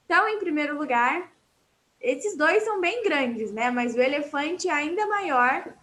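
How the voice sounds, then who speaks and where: A woman's voice: sits high, expressive, a little slow, a bit bright. A woman with a Brazilian accent teaching Portuguese vocabulary in an online class, explaining patiently and repeating words for her students.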